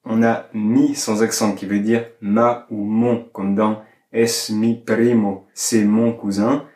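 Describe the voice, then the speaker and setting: A man with a fairly low voice gives a patient Spanish lesson to camera, talking in French and spelling words out letter by letter. The sound carries a noticeable room echo. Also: level tone, slow, warm tone. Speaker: Spanish teacher. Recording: echoey room.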